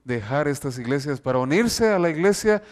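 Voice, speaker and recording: A man preaching an earnest sermon, reading scripture aloud from slides and slowing down to stress key verses. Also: on the high side, lively intonation.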